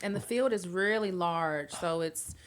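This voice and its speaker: A woman's voice: on the low side, a little slow. A woman co-hosting a casual radio chat, backing up her partner with frequent short agreements. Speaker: radio co-host.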